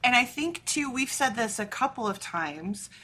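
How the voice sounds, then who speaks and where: Bright-voiced woman chatting on a podcast. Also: fairly high pitch, expressive, moderate pace. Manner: talkative, often asks "right?". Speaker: podcast co-host. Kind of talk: casual chat.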